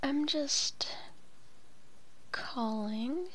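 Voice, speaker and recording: A young woman leaving a rambling late-night voicemail, often whispering softly and filling pauses with ums. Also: sits high. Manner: soft whispering, rambling with many fillers. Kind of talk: casual, intimate phone message.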